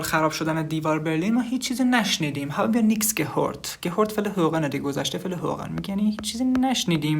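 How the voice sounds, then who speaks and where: In a relaxed online class, a teacher whose first language is Persian reads brief phrases and follows each with a long explanation, calling the students "kids." Her voice is mid-range and creaky.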